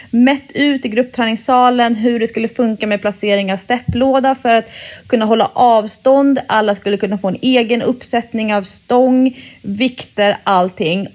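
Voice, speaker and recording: Relaxed woman podcaster with a dull sound. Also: on the high side. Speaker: podcast co-host. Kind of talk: casual podcast chat.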